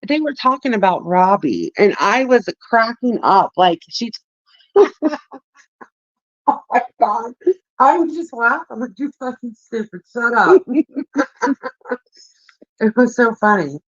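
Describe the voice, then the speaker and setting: Over dull, dry lo-fi stream audio, a livestream co-host chats her way through gossip, often laughing and cursing without restraint. She speaks a little high with lively intonation, taking her time and leaving long pauses, and the recording is dry.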